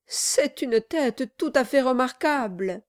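A woman's voice: sits high, expressive, slow, voice pushed up. A woman voicing an obsequious, nervous male lawyer who speaks hesitantly and deferentially in an audiobook. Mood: fawning. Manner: fawning, hesitant, deferential "monsieur".

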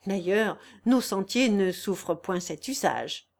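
A woman reading aloud, voicing a young country girl who speaks gently and with dignity. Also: medium pitch, expressive, slow, pitched below the performer's own voice. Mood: dignified.

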